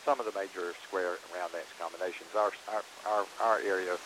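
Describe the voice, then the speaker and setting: A man with a Southern US accent, answering interview questions in a halting way, repeating words and using many fillers. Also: deep voice, steady tone, background noise. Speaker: interviewee, round dance teacher. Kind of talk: casual interview.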